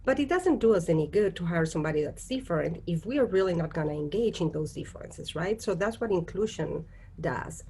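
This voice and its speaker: On a video call, a Costa Rican woman serves as a guest on a virtual panel, earnestly explaining in conversational talk and often checking in with "right?". Her voice sits on the low side and is expressive, brisk and mellow, with slight background noise.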